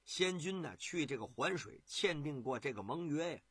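A man's voice: a little high, expressive, normal speed, a bit bright, slightly rough, no echo. A man voicing an anxious ancient king who earnestly begs his minister for help in a storytelling show. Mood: imploring.

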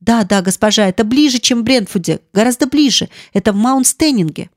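A woman's voice: expressive, fairly quick, a little mellow, no echo, clean studio sound, natural voice. A woman voicing a terrified young maid who pleads and sobs breathlessly in an audiobook. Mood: frantic pleading. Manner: sobbing, breathless, high-pitched cries. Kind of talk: audiobook dialogue.

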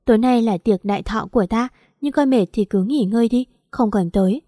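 A woman's voice: fairly high pitch, fairly quick, warm tone, no room sound, clean studio sound, natural voice. A woman voicing a kind, older royal consort in an audio story, speaking in a soothing, affectionate way. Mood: tender. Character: gentle elderly royal consort, motherly.

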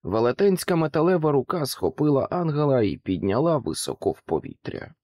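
A man narrating a children's fantasy novel in an expressive, dramatic storytelling manner. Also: on the high side, fairly quick, no room sound, studio quality. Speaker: audiobook narrator. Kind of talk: scripted narration.

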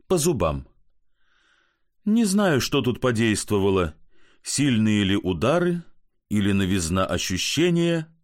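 Expressive male storyteller. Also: mid-range voice. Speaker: narrator. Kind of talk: audiobook narration.

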